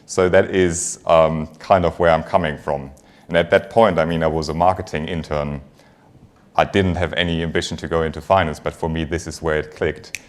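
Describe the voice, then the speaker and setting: Speaking at a moderate pace in a steady, very deep voice, a male finance executive gives a conversational talk at a conference. He's a native German speaker with a German accent and keeps the audience engaged with gentle humour.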